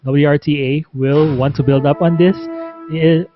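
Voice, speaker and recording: A man calls an esports match live in a higher-pitched voice, with plenty of fillers as he explains the play. The stream audio is dull and lo-fi. Loud game music runs behind him throughout. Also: fairly even intonation, normal speed. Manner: conversational, with frequent fillers. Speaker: esports caster.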